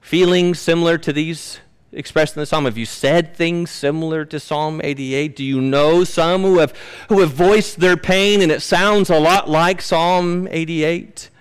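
A man's voice: on the high side, steady tone, a little slow, clear, resonant tone. A man preaching a sermon as pastor, earnestly putting rhetorical questions to his congregation. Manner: reads scripture aloud with rising emotional emphasis.

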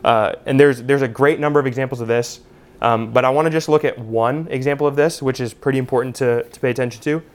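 A man's voice: mid-range voice, steady tone, fast. A man teaching a Bible study class in a conversational way, with lots of "you know" and "uh". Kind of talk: unscripted teaching talk.

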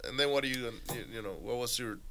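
Very bright-toned male interviewer. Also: mid-range voice, fast talker, slight background noise. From Venezuela. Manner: upbeat, prompting questions, chatty. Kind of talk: casual interview.

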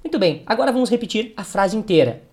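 A man teaching English pronunciation, drilling words slowly and having the listener repeat after him. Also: sits high, lively intonation, darkish tone. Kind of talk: pronunciation lesson.

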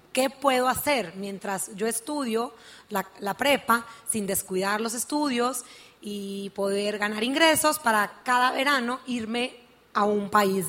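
A woman's voice: a little high, unhurried, a bit bright. A young woman tells her personal story to an audience at a business event, speaking earnestly and often saying "pues". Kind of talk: personal story told on stage.

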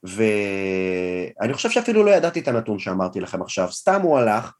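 A young man, a guest comedian, tells an anecdote in a casual, self-deprecating and animated way. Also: lowish voice. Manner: animated, self-deprecating storyteller who acts out quotes. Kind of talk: casual storytelling in a podcast interview.

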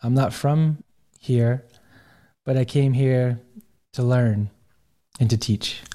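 A man's voice: medium pitch, slow pace, dark tone. A man speaking casually as a guest in a podcast interview. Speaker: podcast guest, breathwork coach.

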